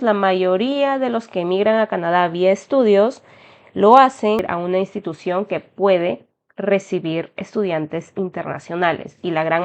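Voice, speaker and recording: A young adult woman from Peru with a Peruvian Spanish accent, walking viewers through an application form in a friendly explanatory tutorial. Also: mid-range voice. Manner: explanatory, addresses viewers as "chicos". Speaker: immigration tutorial host. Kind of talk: step-by-step tutorial narration. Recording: slightly dull lo-fi sound.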